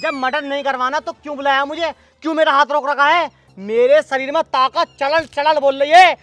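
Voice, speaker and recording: High, sharp-voiced hot-headed man. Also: steady tone, fairly quick, no echo. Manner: aggressive, swaggering, crude boasts. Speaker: hot-headed enforcer in a comedy sketch. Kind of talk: rustic comedy sketch acting.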